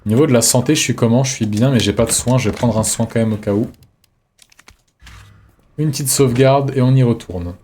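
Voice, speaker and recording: A man streaming a game live, thinking aloud in a relaxed, reflective way as he chats with his viewers. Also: medium pitch, a little fast, pauses often, slight background noise. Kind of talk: live gameplay commentary, chatting with viewers.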